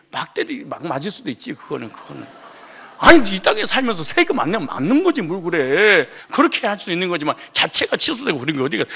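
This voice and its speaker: A man preaching a sermon as pastor, emphatic and colloquial, often rising to loud outbursts. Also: fairly high pitch, vocal fry, husky.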